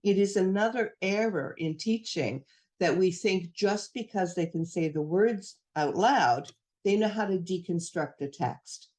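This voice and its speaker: A woman's voice: lowish voice, measured pace, a little mellow. Woman coaching teachers on reading. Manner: instructive, acts out teacher-student exchanges. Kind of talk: professional development talk to teachers.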